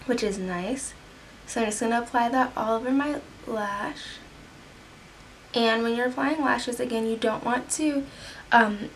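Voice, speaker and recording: A woman's voice: on the high side, background noise. A young woman talking casually through a makeup tutorial at home, chatting while she works and sometimes dropping to a whisper. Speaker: beauty vlogger.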